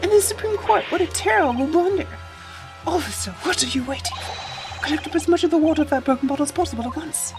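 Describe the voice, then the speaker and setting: A woman voicing a flustered, excitable courtroom judge in a fan game dub, barking quick orders. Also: high-pitched, music in the background, pitched above the performer's own voice.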